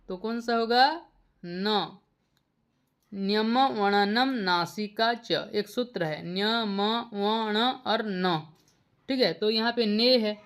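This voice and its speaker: A woman's voice: mid-range voice, fairly bright tone. A woman teacher, patiently explaining exam answers and asking the class questions before giving each answer. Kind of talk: exam question walkthrough lesson.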